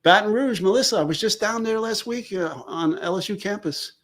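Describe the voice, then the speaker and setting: A man's voice: high-pitched, brisk, fairly bright tone. A man, chatting casually as a forensics guest on a live stream and joking about place names. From New York. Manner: jokey, riffs on place names.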